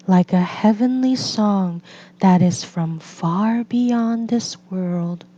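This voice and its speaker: This read-aloud storyteller for kids and English learners narrates a picture book very slowly. Her mid-range voice is mellow, her phrasing careful and gentle, and the audio is a bit dull and lo-fi.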